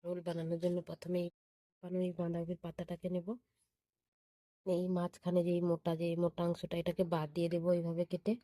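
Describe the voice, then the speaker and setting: A woman with a voice hoarse from a cold, calmly narrating each cooking step in her home kitchen and repeating each one. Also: fairly low pitch, fast talker, no echo. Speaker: cooking channel host. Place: home kitchen with stove sizzling.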